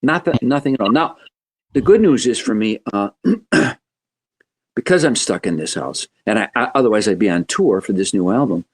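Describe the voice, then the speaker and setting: A man in his seventies, a guest musician telling stories in a podcast interview in an animated, joking way. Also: normal speed, slightly rough. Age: 70s. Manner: animated, joking, wide swings in pitch.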